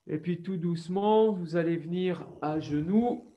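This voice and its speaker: A man with a French accent leading a yoga class over a video call, giving slow, calm instructions with breathing cues. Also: sits high, muffled recording. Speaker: yoga teacher.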